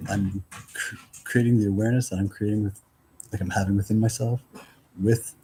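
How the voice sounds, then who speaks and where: A man's voice: on the low side, steady tone, brisk, warm tone, slight background noise, poor audio. A man talking in a loose, meandering casual monologue, full of fillers and little quoted exchanges.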